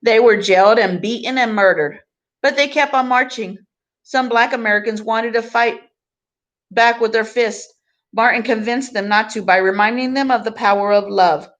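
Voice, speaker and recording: A female teacher reads a picture book aloud to her class, deliberately breaking the text into short phrases and adding teaching asides. Her voice is slightly high and a little bright, and the recording sounds muffled.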